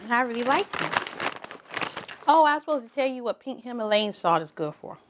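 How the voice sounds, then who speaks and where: A woman's voice: a little high, animated, fairly quick. Chatty woman vlogger, casual snack review, faint noise and bag crinkles behind. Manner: chatty, tasting food while talking, trailing restarts.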